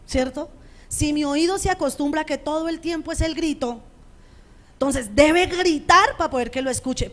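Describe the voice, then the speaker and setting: A middle-aged woman pastor preaching a sermon in a conversational way, often checking in with her listeners, with a strong, loud voice. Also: high-pitched. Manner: conversational preaching, frequent rhetorical checks with the congregation. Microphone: radio studio microphone.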